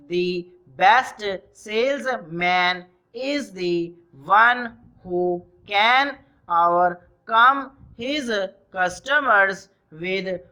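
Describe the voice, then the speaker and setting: A person dictating a text for a practice exercise, reading in short measured chunks and speaking the punctuation aloud. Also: mid-range voice, bright, forceful tone, rough recording. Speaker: dictation reader.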